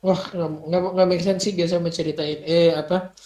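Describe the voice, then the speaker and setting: A man's voice: fairly high pitch, flat delivery, normal speed, mellow. A young man hosting a reaction video, chatting in a casual, slangy way and often repeating himself. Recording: roomy echo.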